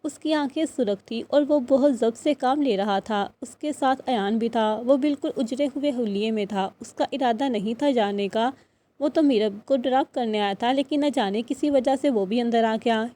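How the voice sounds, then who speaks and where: A woman narrating an audiobook novel in a steady, even reading voice, speaking every character's lines herself. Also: a little high.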